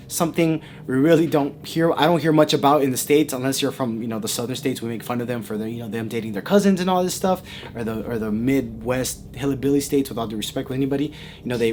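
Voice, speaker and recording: A young man vlogging a spooky personal story, animated and dropping to a hush at times. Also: medium pitch, slight background noise. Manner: animated, with sudden drops to a hush.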